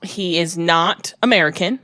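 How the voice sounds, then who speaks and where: A woman's voice: fairly low pitch, a little slow, pushed and bright, no echo, clean studio sound. A woman hosting a casual book podcast, rambling and correcting herself as she talks. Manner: rambling, restarts and self-corrections. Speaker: podcast host. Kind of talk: casual chat about books.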